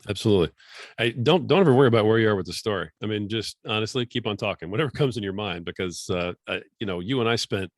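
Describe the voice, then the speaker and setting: A man's voice: lowish voice, quick pace, dry recording, clean studio sound. A man hosting a podcast interview, talking in an encouraging, rambling way with plenty of fillers. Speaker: podcast host. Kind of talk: casual interview chat. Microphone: podcast microphone.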